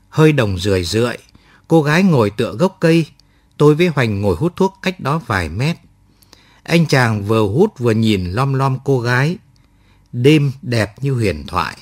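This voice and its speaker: Male audiobook narrator, calm and reflective, mid pitch, dry close recording. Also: no echo. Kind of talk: scripted first-person story narration.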